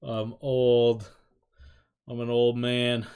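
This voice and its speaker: This K-pop reaction YouTuber, a man in his thirties, speaks in a mid-range, monotone voice that is extremely slow, clear, resonant and somewhat dark. He chats casually through a reaction video, rambling, putting himself down and bursting into laughter.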